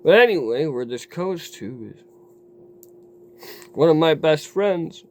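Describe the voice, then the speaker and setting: A man telling a raw personal story to his camera in a rambling, profane way, dropping low and quiet, then flaring into heated outbursts. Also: lively intonation, takes it slowly. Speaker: vlogger. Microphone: camera mic.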